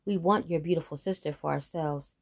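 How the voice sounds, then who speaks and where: A woman's voice: low voice, brisk, creaky, darkish tone. A woman voicing a young female buffalo who delivers a message in a firm, matter-of-fact way.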